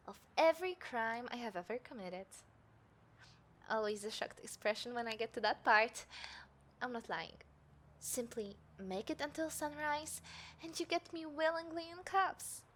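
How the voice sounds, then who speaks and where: A girl plays a cocky, confident female serial killer hunting a detective in a scripted audio roleplay addressed to the listener. Her highish, slightly bright voice is smug, menacing and deliberate, dipping into breathy whispers as she taunts and threatens. City ambience sound effects add a bit of background noise.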